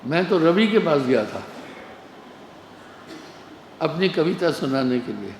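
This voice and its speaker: A man with a slightly high voice delivers a sermon as a spiritual teacher, telling anecdotes slowly in a relaxed, humorous way. The hall is echoey with long reverb, and there's slight background noise.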